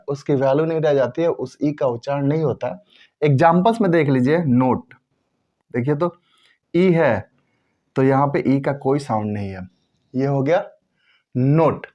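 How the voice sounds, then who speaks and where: A man teaches pronunciation, repeating the example words and drawing them out slowly. His voice sits a little high but sounds mellow and dark. The recording is dull and lo-fi. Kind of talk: explanatory lesson to viewers.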